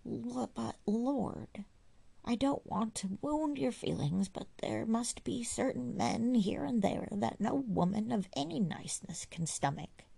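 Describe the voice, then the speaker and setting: A woman's voice: a little high, lively intonation, a little slow, gravelly, mellow, husky, pitched above the performer's own voice, full character voice. A woman voicing a crusty, bedridden old aunt who grumbles in rustic dialect with a hollow, half-whispered voice. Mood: scornful.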